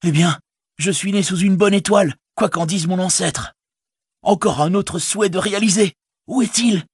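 A man voicing an eager, loyal young hobbit servant who blurts things out, with a husky voice. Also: moderate pace, no room sound, studio quality. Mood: overjoyed. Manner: eager, blurting, high-spirited.

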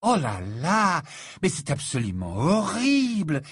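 A man's voice: medium pitch, sing-song, normal speed, dry recording, clean studio sound. A man reading aloud and putting on a raised, affected voice for a haughty young woman in a storybook. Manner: affected, exclaiming.

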